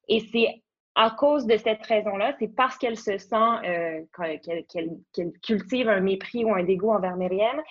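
A young woman explains things eagerly as a podcast guest, full of fillers and restarts. Her voice sits at a middle pitch. The audio is slightly dull and muffled. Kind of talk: podcast interview.

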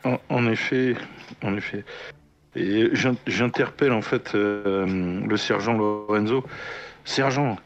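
A man's voice: lowish voice, slow pace, lo-fi sound. A man playing a tabletop role-playing game casually, polite and hesitant, often restarting his phrases.

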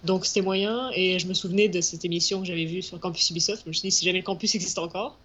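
A woman's voice: lowish voice, fairly even intonation, fast talker, fairly bright tone, husky. A woman from southwest France with a French accent from France, talking casually as an interview guest. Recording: muffled, faint background noise.

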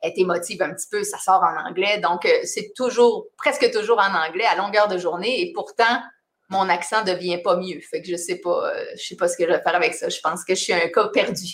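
A middle-aged Québécois singer-songwriter from Quebec chats casually in an interview, animated and self-mocking and often laughing. Her voice is on the low side and fairly quick.

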